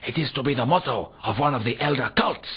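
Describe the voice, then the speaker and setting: A man gives voice to an eager foreign archaeology worker in a comic video game, speaking earnestly in garbled, stilted word order laced with pompous long words. His husky, medium-pitched voice moves at a quick pace. The game audio is dull and lo-fi.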